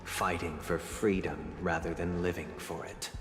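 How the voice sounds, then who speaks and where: An actor playing a grandiose game villain who narrates in a slow, theatrical, menacing monologue. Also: male voice, sits low, level tone. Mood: solemn, ominous. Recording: echoey hall reverb, game music underneath.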